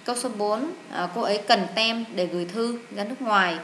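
Vietnamese woman teacher in an echoey room. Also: mid-range voice. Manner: chatty, many drawn-out fillers, repeats words; addresses students warmly as "các bạn". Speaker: English teacher. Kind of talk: exam walkthrough lesson. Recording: echoey room with faint hiss.

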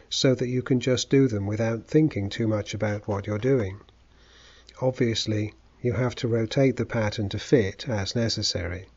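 Low synthetic male tutorial voice. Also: lo-fi sound. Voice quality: synthetic robot-like voice. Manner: steady, methodical, instructional. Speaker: tutorial narrator. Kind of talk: scripted screen-capture tutorial narration.

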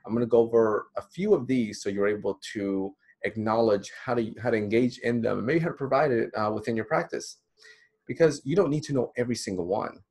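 Recording a lecture for the course he teaches, a Dominican counselor in his thirties keeps things casual and encouraging, with plenty of fillers. He talks fairly quickly in a mid-range, darkish voice with a breathy edge, inside a small room.

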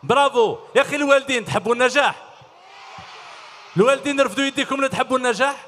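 The middle-aged man hosting this children's stage show has an Algerian Arabic accent and a very high-pitched, racing voice with a fairly bright tone. He cheerfully quizzes the kids into a handheld mic on a large concert hall stage. There's long hall reverb and slight background noise.

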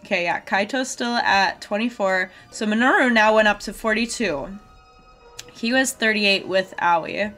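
A woman's voice: mid-range voice, measured pace, pushed and bright. A woman streaming a video game, chatting casually and reacting aloud to viewers while getting over a cold. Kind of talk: live game stream chat, reading dialogue aloud. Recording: game music behind the voice. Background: game music.

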